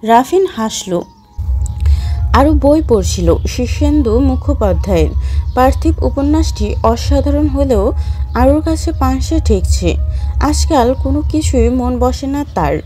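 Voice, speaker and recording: A woman narrating an audio story in a steady storytelling manner. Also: high-pitched, a little slow, soft background music.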